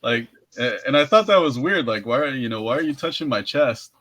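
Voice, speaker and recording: Podcast co-host, man, easy anecdote teller, laughs a lot, middling pitch, close dry mic. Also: expressive, quick pace, fairly bright tone, no room sound. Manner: laughs often, many restarts. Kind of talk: casual storytelling chat.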